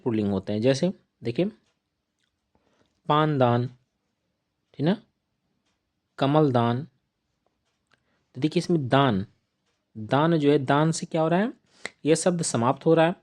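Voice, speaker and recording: Slow-talking man teaching a grammar class. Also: a little mellow. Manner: asks rhetorical questions and answers them himself in a lower voice; drawn-out listing of examples. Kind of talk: live online grammar class.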